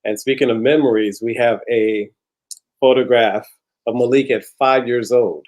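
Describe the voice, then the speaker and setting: A man's voice: medium pitch, fairly even intonation, moderate pace, rough recording. Man interviewing with short affirmations. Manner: warm prompts, frequent short affirmations, restarts. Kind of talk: conversational interview.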